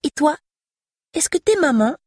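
A woman voicing an eager, chatty five-year-old girl in a high childlike voice. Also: big pitch swings, a little slow, a little mellow, no echo, studio quality.

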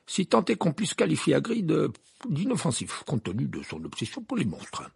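A man's voice: mid-range voice, very animated, normal speed, creaky, a little mellow, slightly rough, pitched above the performer's own voice, exaggerated voice. A man voicing a flustered, pompous middle-aged male minister who stammers and repeats himself. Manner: stammering, hesitant, repeats words.

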